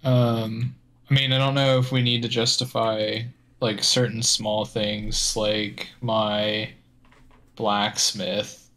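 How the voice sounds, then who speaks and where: Slow, flat-voiced male player. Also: on the low side. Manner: tentative, thinking aloud. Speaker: tabletop game player. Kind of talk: casual chat.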